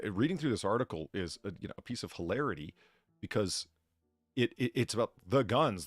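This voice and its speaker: A man's voice: medium pitch, no echo. A man hosting a casual livestream podcast, reading out donations and rambling profanely between topics.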